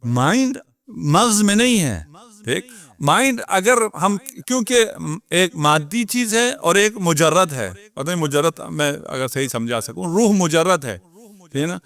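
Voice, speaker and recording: Cleric preaching, fairly high voice, keeps throwing questions at the crowd. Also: male voice. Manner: lively, rhetorical questions to the audience. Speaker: Shia cleric. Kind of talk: sermon at a religious gathering.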